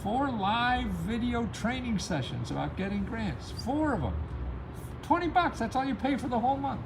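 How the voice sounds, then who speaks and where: Hosting a grant-help advice channel, this man speaks emphatically in a casual, rambling, motivational way, frequently chuckling at his own points. His very high voice is gravelly, with lively intonation and a moderate pace, over background noise.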